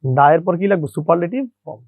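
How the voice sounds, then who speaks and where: A man's voice: on the high side, quick pace, a little mellow, no echo. A man teaching an English grammar lesson, often repeating his own questions and answering them. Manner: repeats questions and answers them himself, calls listeners brother.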